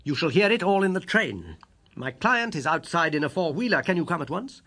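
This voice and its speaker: A man voicing Sherlock Holmes, high and strident. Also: very animated, brisk, pushed and bright, heavily acted. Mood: brisk, commanding. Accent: British. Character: brisk, self-assured gentleman detective, keen and superior.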